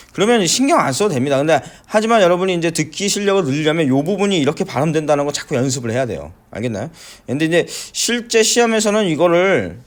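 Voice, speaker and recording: A middle-aged man teaching an English listening lesson, breaking down phrases slowly with many fillers and frequent checks that students follow. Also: a little high. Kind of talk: classroom lecture explaining pronunciation.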